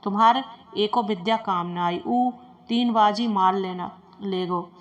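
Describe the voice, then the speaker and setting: A woman voicing a scornful, sharp-tongued village wife who taunts in rustic speech. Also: mid-range voice, slow pace, highs cut off, close to an everyday voice.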